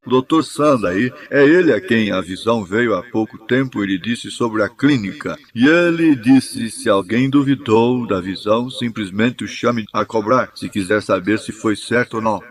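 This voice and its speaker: A man giving a measured, even reading of a translated sermon. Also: on the low side. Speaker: sermon interpreter.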